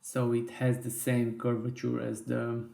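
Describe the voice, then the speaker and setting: A man teaching a software design tutorial in slow, step-by-step instructions with small self-corrections, his voice worn and going hoarse. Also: mid-range voice, monotone, reverberant. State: losing his voice. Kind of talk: screen-recorded software tutorial.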